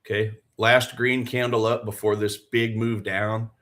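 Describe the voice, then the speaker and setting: A man in his forties hosts a live trading stream in a voice on the low side, fairly bright, with flat delivery and a measured pace. Still, his motivational chat and trading commentary come across earnest and fired up, with phrases repeated for emphasis and rhetorical questions for viewers.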